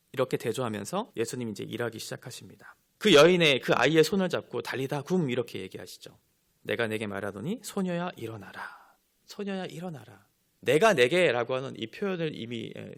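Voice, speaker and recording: Male pastor, expository sermon; lively pitch, slightly high. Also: vocal fry. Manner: expository preaching, explaining scripture point by point; voice rises when quoting Jesus' words. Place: church.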